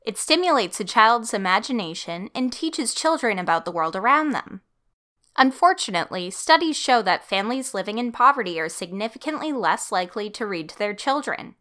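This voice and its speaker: A woman's voice: medium pitch, very animated, fairly quick, sharp tone. A woman giving scripted instructional narration for a training video.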